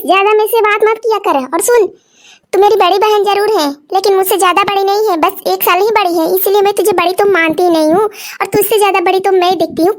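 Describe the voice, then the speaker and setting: A woman voicing a sassy, mocking younger sister in a cartoon story. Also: very high voice. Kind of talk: cartoon voice acting.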